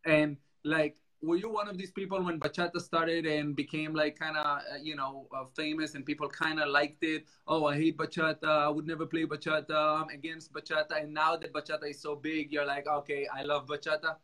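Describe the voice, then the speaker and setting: Man, podcast host, higher pitch, energetic, chatty, playful questions. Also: fairly quick, few pauses. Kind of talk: casual interview chat.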